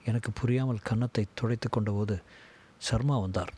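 A man reading a story aloud as scripted narration, in a steady, measured way. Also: lowish voice, slightly rough. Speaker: audiobook reader.

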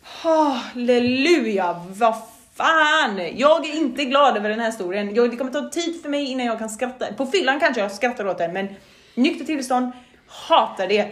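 A woman's voice: fairly high pitch, animated, fairly bright tone. A young woman co-hosting a podcast, telling a story in casual chat, swearing a lot and acting out her own reactions. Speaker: podcast co-host.

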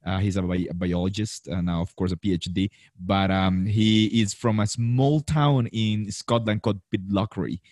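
A man's voice: lowish voice, steady tone, normal speed, few pauses, a little mellow, no room sound. A man in his thirties hosting a live interview over a video call, chatty and full of fillers and restarts. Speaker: host.

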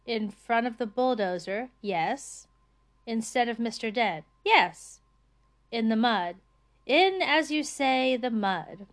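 A woman voicing a flustered, pompous middle-aged male official who talks in halting, fussy bursts in an audiobook reading. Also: a little high, expressive. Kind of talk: audiobook character voice.

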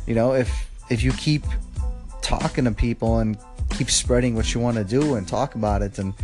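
A man's voice: medium pitch, a little mellow. A man hosting a podcast, talking casually and earnestly in an encouraging, rambling way. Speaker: podcast host. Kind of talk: casual motivational monologue.

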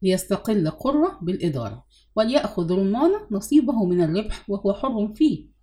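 A woman's voice: mid-range voice, sing-song, fairly quick, dark tone, lightly acted. A woman voicing an earnest aunt in an audiobook reading. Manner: earnest, pleading. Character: proud, pleading aunt, older woman.

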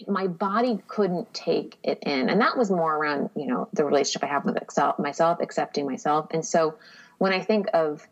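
A woman's voice: low voice, normal speed, rough recording. A woman speaking as a podcast guest in casual conversation, reflective and candid, often acting out quotes.

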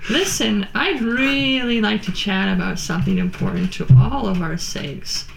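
A woman voicing a sultry, self-assured female starship captain in a tabletop game, with a drawn-out seductive delivery. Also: medium pitch, vocal fry, echoey room, a little hiss or hum, natural voice. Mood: sultry, enticing.

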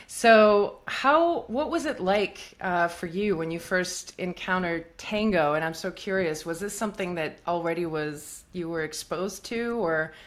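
A woman hosting a podcast interview, chatty and animated, who grew up in Africa and Russia. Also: lowish voice, a little slow, few pauses. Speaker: podcast host. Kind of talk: scripted intro then casual interview.

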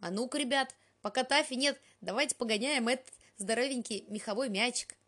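Woman doing a mocking young she-cat, voice pitched up, husky texture, storybook read. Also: a little fast, fairly bright tone. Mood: teasing. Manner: teasing, mocking. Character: cheeky young female cat, teasing.

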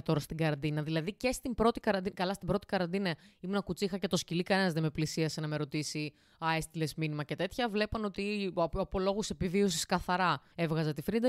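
A woman's voice: fairly low pitch, no echo, clean studio sound. A woman in her twenties hosting a casual podcast from her home kitchen. She cooks while she talks, rambling, swearing casually and talking straight to her listeners. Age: 20s. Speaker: podcast host.

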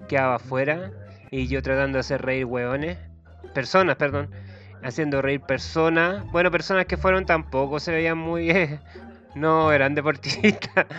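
A man's voice: medium pitch, fairly bright tone, muffled recording. A man with a Chilean accent doing a rambling, profane, self-mocking comedy monologue. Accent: Chilean Spanish. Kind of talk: comic monologue.

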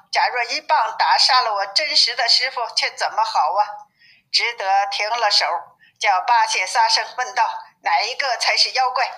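A woman narrates a classic tale aloud in a storybook reading style. Her voice sits a little high and rings bright and crisp, and her delivery turns lively whenever characters speak. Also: rough recording.

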